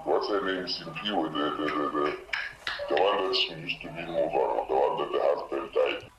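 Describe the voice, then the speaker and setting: A man with an electronically lowered, disguised voice, answering interview questions haltingly and repeating words as he searches for them. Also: lo-fi sound. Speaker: prison inmate interviewee. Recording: echoey and noisy disguised recording.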